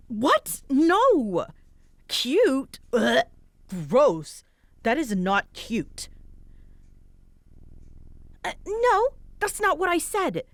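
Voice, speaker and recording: Here a woman voices a prickly, guarded young roommate in an intimate roleplay audio drama, sounding flustered. She is curt, halting and defensive, with a high, exaggerated voice that swings hugely in pitch. There's no room sound.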